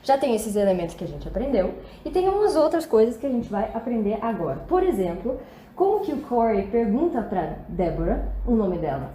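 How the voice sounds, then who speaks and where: A Brazilian woman gives a casual English lesson in a chatty, upbeat voice. She keeps asking her viewers rhetorical questions. Her voice sits a little high and sounds mellow, recorded in an echoey room with faint background noise. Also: big pitch swings, a little fast. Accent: Brazilian Portuguese. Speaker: English teacher.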